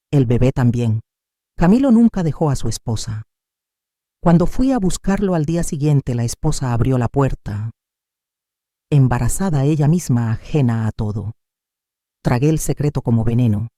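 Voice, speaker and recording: A man narrating a family drama in the first person, in a measured, dramatic storytelling manner. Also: medium pitch, lively intonation, warm tone, dry recording, clean studio sound.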